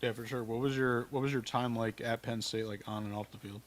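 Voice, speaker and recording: A man's voice: medium pitch, steady tone, brisk. Easygoing man hosting a podcast. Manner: easygoing, slangy, short reactions. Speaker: podcast host. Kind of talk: casual interview hosting.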